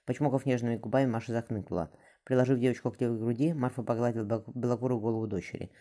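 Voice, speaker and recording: A man narrating an audiobook in steady, even scripted narration. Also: mid-range voice, rapid-fire.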